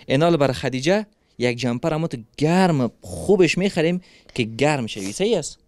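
A man, hosting a street interview with working children and asking them questions in a gentle, coaxing, soothing way full of endearments. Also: on the high side, animated, no echo. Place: street outdoors.

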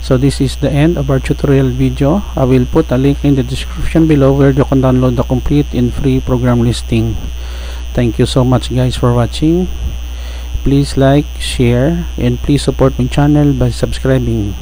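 Mellow Filipino man hosting a tutorial. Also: mid-range voice, normal speed. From Philippines. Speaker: programming tutorial host. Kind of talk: screencast tutorial talk. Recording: muffled with steady electrical hum.

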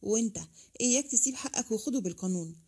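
A woman's voice: on the high side, expressive, fast, dark tone, breathy edge. A woman with an Egyptian accent voicing a harsh, hot-tempered middle-aged father, angry and commanding. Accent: Egyptian Arabic.

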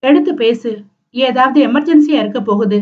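A woman voicing a gruff, sulky young husband in a romance audiobook, with curt, grumbling lines. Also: high-pitched, normal speed, distant mic, lo-fi sound, close to an everyday voice.

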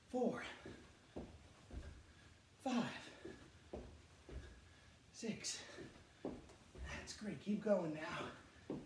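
A middle-aged man leading a home workout as an aerobics instructor, giving short, encouraging repeated cues and counts while exercising. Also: high voice. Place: living room, indoors. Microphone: camera several metres away. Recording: roomy echo, distant mic, faint noise.

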